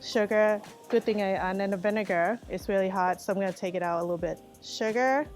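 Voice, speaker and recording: Speaking fairly quickly in a mid-range voice, a Thai guest chef with a Thai accent demonstrates a recipe step by step as she cooks. Light laughs punctuate her explanations, and faint music can be heard in the restaurant bar kitchen.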